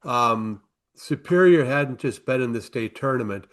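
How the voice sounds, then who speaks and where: A man's voice: mid-range voice, animated, unhurried. A man chats about sports. He speaks as a commentator in an informal, unscripted style. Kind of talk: casual sports chat.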